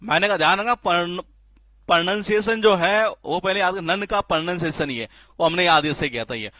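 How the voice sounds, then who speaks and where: A man teaching spelling in a classroom-style lecture, lively and repetitive, often asking the class questions and answering them himself. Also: sits high, normal speed, dry recording. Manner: lively, repeats questions to the class, frequent filler "ye".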